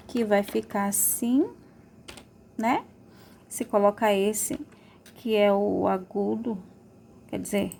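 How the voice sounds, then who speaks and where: A woman's voice: fairly high pitch, a little mellow, a little hiss or hum. A woman teaching a remote school lesson, stretching out words to model their sounds and checking in with pupils often.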